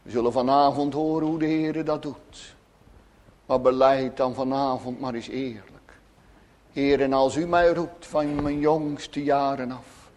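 A man preaching a sermon, swinging between loud urgent pleading and soft hushed asides. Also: mid-range voice, fairly even intonation, a little hiss or hum. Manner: slow, deliberate preaching. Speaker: pastor.

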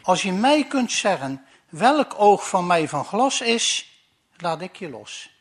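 Brief: cold cruel commandant, done by a man telling jokes, slow and clipped. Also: high-pitched, big pitch swings, exaggerated voice.

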